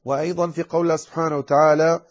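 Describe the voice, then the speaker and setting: A man gives a tajweed lesson, patiently explaining the rules and modeling both correct and incorrect recitations as examples, with drawn-out fillers in his pauses. His voice is fairly high and level in tone, and the recording has its highs cut off.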